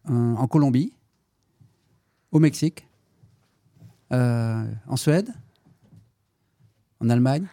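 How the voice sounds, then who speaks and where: A middle-aged man, a history-geography teacher, answering students' questions in a casual interview, hesitant with many fillers and animated when telling stories. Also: medium pitch, no room sound.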